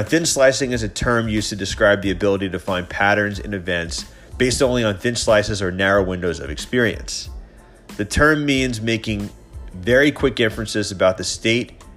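A man's voice: on the low side, a bit bright. Congested, pinched-nose male podcast host. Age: 30s. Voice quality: congested, pinched-nose nasal sound from a cold. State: stuffy with a head cold, slightly scratchy throat. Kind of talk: solo podcast monologue, opinion and sports commentary.

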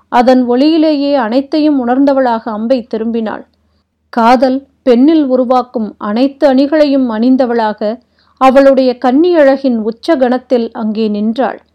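A woman reads a literary epic aloud, slow and deliberate, lingering on each phrase. Her voice sits fairly high. The recording is dull and lo-fi. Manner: slow, deliberate, dramatic reading. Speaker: narrator. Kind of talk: literary audiobook narration.

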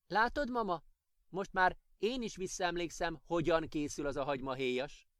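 A man's voice: a little high, a bit bright, no echo, close to an everyday voice. A man voicing an eager, chirpy little girl in a children's audiobook.

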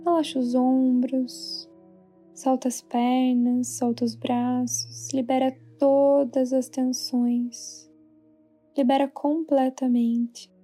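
A Brazilian woman guiding a sleep meditation in a soothing, hushed, spa-like manner. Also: high voice, little pitch movement, takes it slowly. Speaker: meditation guide. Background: soft background music.

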